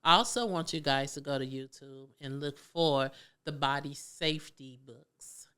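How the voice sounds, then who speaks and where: A middle-aged woman with a low, bright and clear voice gives earnest advice to parents. She talks colloquially and emphatically, often acting out what parents and kids might say. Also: measured pace. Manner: preachy, emphatic, colloquial, acts out kids' voices. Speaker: parenting talk host.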